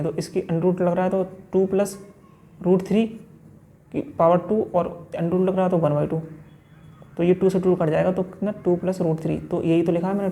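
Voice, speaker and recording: A man teaches an exam-prep math lesson step by step, posing questions and answering them himself. His voice is very dark and gravelly. He speaks in a flat, level tone. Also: high voice. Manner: talks through each step, asks and answers himself.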